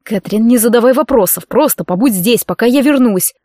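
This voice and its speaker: A woman's voice: a little high, expressive, fairly quick, a little mellow, dry recording, studio quality. A woman voicing a brusque, possessive male professor who speaks curtly and firmly. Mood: stern. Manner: curt and firm.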